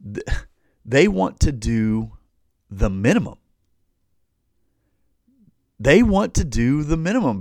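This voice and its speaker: A man's voice: mid-range voice, no echo, studio quality. A man hosting a podcast, teaching a Bible passage in an informal, conversational way, often repeating himself and acting out the people he quotes. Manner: conversational, repeats phrases, acts out quoted dialogue.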